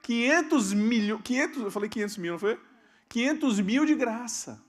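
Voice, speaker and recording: High-voiced preaching pastor. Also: male voice, lively intonation, normal speed. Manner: calls out questions to the congregation and waits for amens; swings from loud emphatic lines to low quiet asides. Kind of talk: sermon. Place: church hall.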